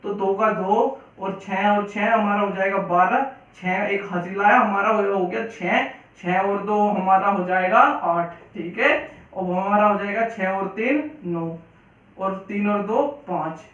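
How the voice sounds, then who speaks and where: Brief: male math teacher, high voice, patient and repetitive, recorded from far off with a muffled sound. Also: a little slow, a bit bright. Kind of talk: Hindi classroom-style lesson. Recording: echoey, distant, dull room sound.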